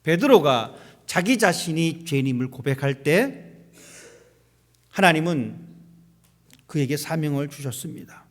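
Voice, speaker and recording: A man's voice: on the high side, expressive, unhurried, pauses often. A male pastor preaching a sermon in a church sanctuary, asking the congregation rhetorical questions. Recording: long hall reverb.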